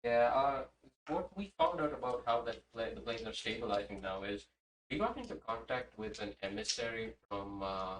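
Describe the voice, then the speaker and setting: A man playing in a tabletop game, summing up the story in a halting way with many pauses. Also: mid-range voice, very animated, fairly bright tone. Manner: halting, full of "uh"s. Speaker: player. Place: room at a live-streamed game table. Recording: roomy sound, distant mic, faint hiss.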